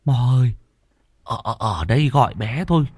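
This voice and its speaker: A man's voice: mid-range voice, expressive, moderate pace, darkish tone, slightly rough, no room sound, voice pushed up. A man voicing a timid young male apprentice who stammers with fear. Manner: fearful, stammering.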